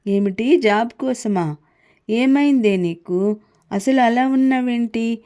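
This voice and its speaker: A woman's voice: on the high side, slow, warm tone. A woman reading the part of a young mother anxiously pressing her friend with questions, in a storybook reading.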